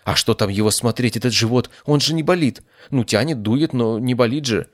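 A man's voice: medium pitch, brisk, voice pushed up, natural voice. A man voicing a fretful, self-absorbed middle-aged woman patient who complains in a raised, whiny voice.

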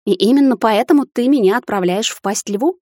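A woman's voice: fairly high pitch, a little fast, dark tone, dry recording, studio quality, voice pushed up, close to an everyday voice. A woman voicing a headstrong young witch who protests indignantly against her mother.

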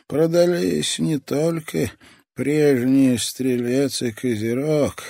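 Man reading as a sinister elderly toy master, slow, wavering, raised pitch, breathy. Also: darkish tone, no room sound, clean studio sound, heavily acted. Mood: secretive, fading. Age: older. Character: frail, sinister old male toy master.

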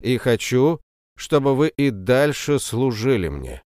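A man reading the lines of a young empress in an audiobook, formal and measured. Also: mid-range voice, very animated, a little mellow, clear, resonant tone, no echo, studio quality. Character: young empress, composed and calculating.

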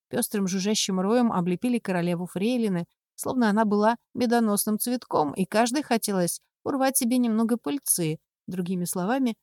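A woman reading a first-person story aloud in a measured, expressive way, close to the mic. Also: mid-range voice, no echo. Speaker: audiobook narrator. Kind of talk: scripted first-person narration.

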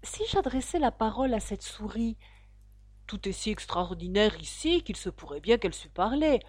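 Brief: polite, eager young girl, voiced by a woman, lively sing-song delivery, dry close mic. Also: medium pitch, normal speed, no echo, lightly acted. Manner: earnest, breathless chatter.

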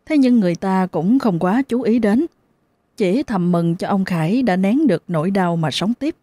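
A woman narrating a horror story in a steady, unhurried way. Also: mid-range voice, no room sound.

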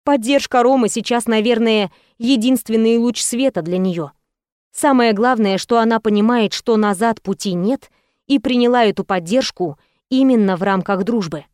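A woman narrating an audiobook in the first person with a steady, expressive reading. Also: fairly high pitch, moderate pace, clear, resonant tone, dry recording, clean studio sound.

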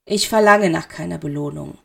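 A woman voicing a bitter, guarded male wizard who speaks low and quietly to his master. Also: normal speed, creaky, husky, heavily acted. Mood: submissive.

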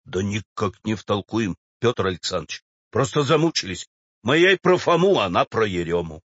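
A man voicing a gruff, irritable bank clerk who mutters low and seethes in a storybook reading. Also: big pitch swings, moderate pace, dry recording, dull audio. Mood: gruff seething.

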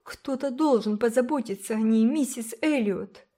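A woman voicing a timid little girl who pleads earnestly in a high, gentle voice. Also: normal speed, lightly acted.

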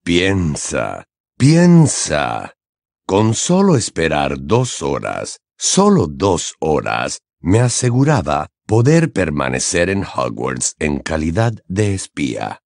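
A cold, calculating man who answers with calm sarcasm, as a man reads him. His voice is very deep and unhurried, with wide swings in pitch. An audiobook character voice with a dry, close sound. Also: gravelly, no room sound, full character voice. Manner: slow, low and measured.

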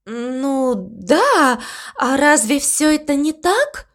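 A woman voicing a gentle, curious mother cow in a storybook reading, wondering and soft-hearted. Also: high-pitched, sing-song, drawn-out words, voice pushed up, exaggerated voice.

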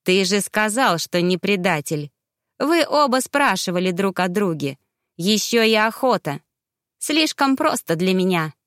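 A cruel young heir talking down with cold, sneering arrogance, as a woman reads him. The voice sits at a middle pitch and is recorded close and dry. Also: animated, unhurried, fairly bright tone, no echo. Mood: gloating. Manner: sneering, haughty.

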